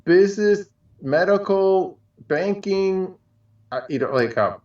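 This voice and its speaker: This show co-host speaks slowly in a high, expressive, slightly mellow voice, rambling in casual, colloquial talk and stacking one example on another. He sounds distant from the mic, with a muffled, echoey quality.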